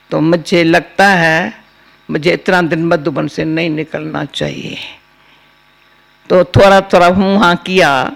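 An older woman giving a spiritual discourse, telling personal stories in a slow, homely way. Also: low voice, gravelly. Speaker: spiritual teacher.

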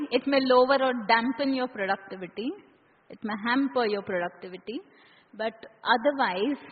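A woman's voice: fairly high pitch, slightly rough. A woman with an Indian accent leading an interactive seminar as a trainer, often checking in with her listeners through short questions. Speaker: workshop trainer. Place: large echoey indoor room. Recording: reverberant hall, muffled phone-like sound.

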